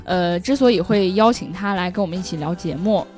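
A woman's voice: fairly low pitch, brisk, over music. A woman hosting a podcast in casual chat, often doubling up short words of agreement. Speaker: podcast host.

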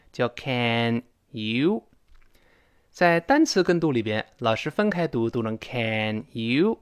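A man teaching spoken English in an upbeat, conversational way. He breaks words apart and repeats sounds slowly as he drills pronunciation, then moves briskly back into his explanation. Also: medium pitch. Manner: lively, chatty teaching tone.

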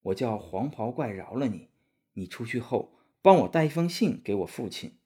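A man voicing a gentle captive princess who speaks softly and earnestly, in a storybook reading. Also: mid-range voice, sing-song, moderate pace, breathy edge. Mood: pleading. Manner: soft, pleading, earnest.

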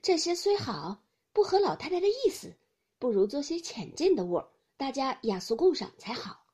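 A woman reading a storybook aloud, voicing a composed young lady who reasons calmly. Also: high-pitched, normal speed, pitched above the performer's own voice. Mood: reasonable.

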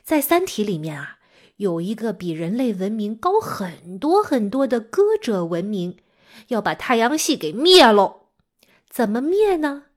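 A woman's voice: fairly high pitch, sing-song, measured pace. A woman hosting a children's lesson, telling stories as if reading to a young child, with exaggerated emphasis and frequent questions. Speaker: children's teacher and storytelling show host. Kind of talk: animated storytelling for young children.

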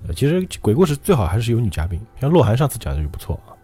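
A man co-hosting a podcast who chats casually and reads listener ghost stories, with quick reactions and casual swearing. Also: medium pitch, big pitch swings, mellow, breathy edge. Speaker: podcast co-host.

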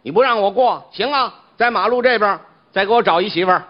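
A man's voice: sits high, fast talker. Man, Beijing accent, stage crosstalk comedian, boastful storytelling, dull lo-fi sound. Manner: boastful, playful storytelling banter. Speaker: crosstalk comedian, lead teller. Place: theater stage.

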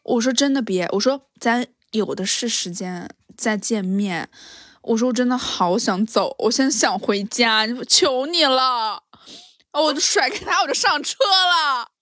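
A woman chatting on a podcast, telling an animated story, laughing often and acting out what people said. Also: on the high side, normal speed, dry recording, studio quality. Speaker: podcast co-host. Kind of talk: casual chat, storytelling.

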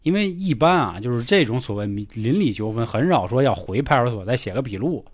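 A man's voice: medium pitch, a little fast, dry recording. A man with a Beijing accent, a podcast host telling a funny story in casual chat and acting out the people in it. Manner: animated, acts out the others in the story.

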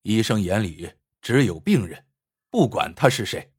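A man voicing a calm, upright young apprentice doctor who speaks firmly in a spoken story. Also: on the low side, unhurried, slightly rough, no room sound, studio quality, pitched below the performer's own voice, exaggerated voice. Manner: firm, curt.

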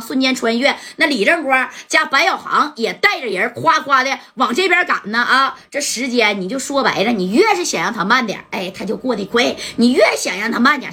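Husky woman telling a gangland tale. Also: on the high side. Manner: chatty, lively, with asides to the listener. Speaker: storyteller. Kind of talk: oral storytelling of gangland tales.

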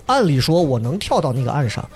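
A man telling a dramatic story in casual chat, acting out shouts and sounds. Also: on the high side, sing-song, fast talker, faint music behind. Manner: acts out shouts and quoted voices, imitates sounds. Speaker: storyteller guest.

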